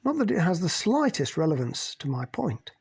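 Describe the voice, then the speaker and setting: A man's voice: on the high side, big pitch swings, normal speed, gravelly, darkish tone, husky, pitched above the performer's own voice, full character voice. A man voicing Cynthia, an indignant, prickly woman who sneers and dismisses, in an audiobook. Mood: sneering. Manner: defensive, dismissive.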